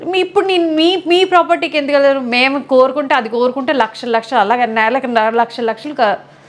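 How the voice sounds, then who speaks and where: A woman with a Visakhapatnam Telugu accent gives a candid interview. Her voice sits slightly high. She speaks emphatically and acts out the lines of the people in her story. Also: brisk. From Andhra Pradesh. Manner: emphatic, acts out quoted dialogue.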